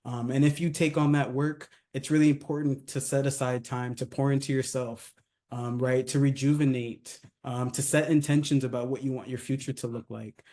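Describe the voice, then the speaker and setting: A man's voice: mid-range voice, little pitch movement, normal speed, mellow. A man from California giving a casual, conversational presentation as a company head, dotted with fillers and frequent tag questions. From California, United States. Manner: conversational, many fillers, tags sentences with "right?". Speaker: company CEO presenting a retreat. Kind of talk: casual presentation, video overview.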